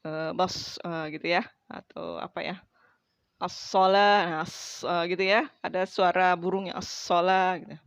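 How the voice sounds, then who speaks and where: A woman's voice: fairly low pitch, flat delivery, normal speed, vocal fry, no echo. A woman teaching Quran pronunciation in a casual lesson, demonstrating letter sounds between many fillers.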